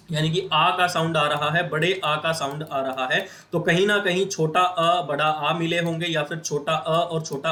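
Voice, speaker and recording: A man's voice: a little high, bright, forceful tone. A man with a Hindi accent teaching a grammar lesson, asking the viewers questions and answering them himself. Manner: repetitive question-and-answer explaining, addresses viewers as friends.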